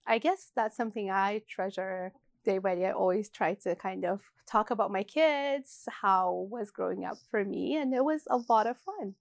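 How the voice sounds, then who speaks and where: A woman in her forties from Ethiopia, co-owner of a shop, is a guest in a casual interview. She speaks hesitantly, with many fillers and restarts, in a creaky, mid-range voice. The recording is dry.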